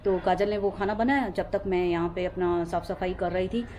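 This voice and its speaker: A young woman whose first language is Sindhi, chatting at home in a rambling daily vlog, repeating herself, her voice weak and low after being unwell. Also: fairly even intonation, fairly quick, mellow, slight background noise. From India. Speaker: home vlogger. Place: home, indoors.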